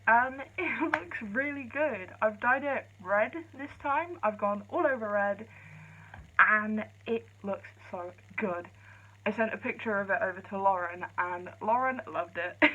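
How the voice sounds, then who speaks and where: Quiet-spoken woman on lo-fi phone audio. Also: mid-range voice. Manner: talking quietly, chatty and rambling. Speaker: vlogger. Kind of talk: casual vlog chat. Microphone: phone camera.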